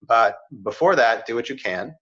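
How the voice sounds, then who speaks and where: In slightly dull, muffled audio, a middle-aged man who coaches careers offers advice in a relaxed conversation. His mid-range voice has lively intonation and a fairly bright tone at normal speed, and he earnestly peppers his talk with "right?" and "you know."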